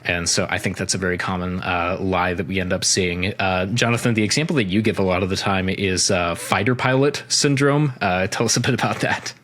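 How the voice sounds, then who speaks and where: Male podcast co-host, low voice, loose rambling delivery full of fillers. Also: fairly even intonation, a little fast, hardly any pauses, a bit bright. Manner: rambling, many filler words. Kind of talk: casual podcast chat.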